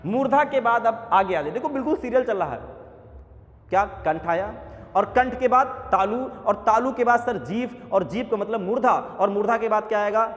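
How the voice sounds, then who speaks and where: High-voiced man teaching sounds, reverberant. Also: moderate pace, a bit bright. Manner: repeats sounds aloud as examples, addresses viewers as sir. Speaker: Hindi grammar teacher. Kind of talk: exam-prep lesson.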